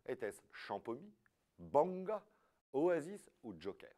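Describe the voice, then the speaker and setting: A low-pitched man hosts a live quiz show, his voice swooping up and down as he reads questions and tallies scores. He keeps up a playful patter, tossing jokes in between the answers. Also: big pitch swings, moderate pace, darkish tone. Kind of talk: live app quiz hosting.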